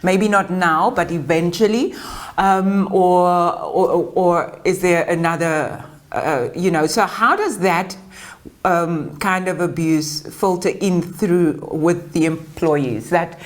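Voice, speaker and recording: A woman hosts a webinar interview. Her voice sits a little low. She talks in a chatty, hesitant way and circles back with fillers as she frames her questions. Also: takes it slowly. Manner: lively, laughing, hesitant with many fillers. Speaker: webinar host.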